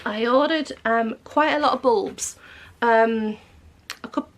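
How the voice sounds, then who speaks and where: A woman's voice: a little high, slow, slight background noise. A woman vlogger chatting casually to camera, rambling with many fillers and restarts. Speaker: knitting vlogger.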